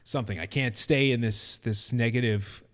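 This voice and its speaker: A man co-hosting a casual podcast chat, blunt and excitable, swearing often. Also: mid-range voice, moderate pace, big-room sound. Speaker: podcast co-host.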